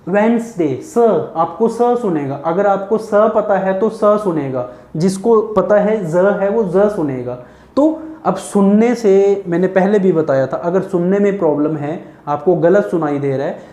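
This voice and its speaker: A man's voice: high-pitched, mellow, echoey room. A man teaching English pronunciation in a lesson, drilling each word and answering his own questions. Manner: slow, repetitive drilling of words, asks then answers himself. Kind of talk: Hindi-language lesson.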